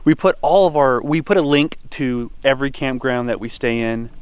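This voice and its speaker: A man's voice: mid-range voice, fairly even intonation, moderate pace, smooth. A man talking as a travel vlogger in a casual, unscripted, rambling way. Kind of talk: casual, chatty vlog talk.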